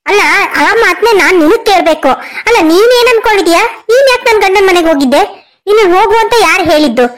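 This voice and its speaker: A woman's voice: very high voice, lively intonation, fast talker. A woman voicing a defiant young married woman in a cartoon story, answering back sharply. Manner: defiant, retorting. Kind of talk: cartoon voice acting.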